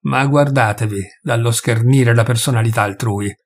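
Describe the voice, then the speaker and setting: Guy reading a raging grieving doctor, husky, shouting every word, higher and louder than the narration. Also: moderate pace. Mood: furious. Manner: shouting, hammering each word. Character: furious grieving male country doctor.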